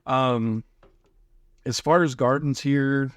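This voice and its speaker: A man's voice: mid-range voice, steady tone, slow, no echo. A man co-hosting a gardening podcast in casual chat, joking and easygoing, close on a studio mic. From Central Ohio. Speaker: podcast co-host.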